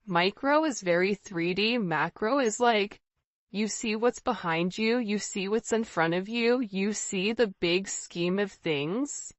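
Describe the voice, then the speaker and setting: A woman with a mid-range voice hosts an informal spiritual tarot reading, speaking slowly and addressing the viewer directly. Her tone is conversational, and she keeps checking in with "right?" and "you know." The recording has no echo.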